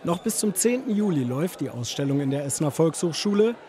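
Male reporter reading a news voice-over. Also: on the high side. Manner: measured, even narration.

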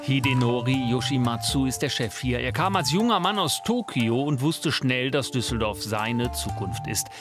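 A man narrating a scripted television news report in a measured, even way. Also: medium pitch. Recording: voice-over with music underneath.

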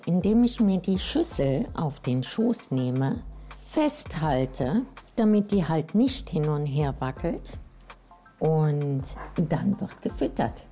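A woman's voice: low voice, warm tone. A woman from Germany talking to camera as a viewer, plain and matter-of-fact. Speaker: viewer with a request.

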